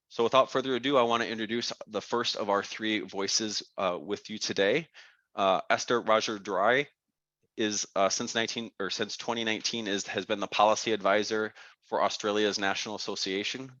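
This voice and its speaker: A man with a very low but bright, forceful voice opens an online webinar as host, earnest and formal, stumbling through restarts and fillers. His call audio is dry and a little dull, like a video-call mic in a quiet room. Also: no echo. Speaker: webinar host, foundation director. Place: home or office, video call.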